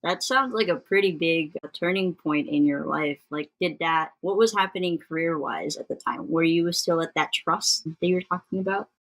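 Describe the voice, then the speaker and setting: A woman hosting a podcast, chatting casually with her guest and affirming her in a relaxed, conversational way. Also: on the low side, normal speed, few pauses. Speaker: podcast host. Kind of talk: casual interview chat.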